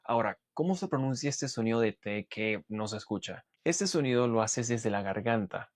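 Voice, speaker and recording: A man teaching English pronunciation, explaining clearly and methodically and modelling example words. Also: lowish voice, dry recording. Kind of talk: explanatory language lesson.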